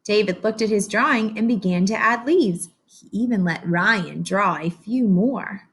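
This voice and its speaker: A woman reads a picture book aloud to young children the way a teacher would, stopping to explain things and ask simple, encouraging questions. Her voice is mid-range and husky.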